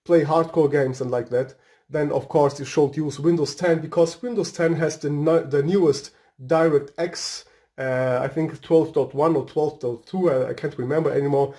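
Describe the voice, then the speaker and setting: A man's voice: on the high side, steady tone, moderate pace, dark tone. A man from Portugal with a Portuguese accent and Portuguese as his first language, giving a casual, rambling tech review at home while he searches for words. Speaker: tech video host. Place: home room with a fireplace.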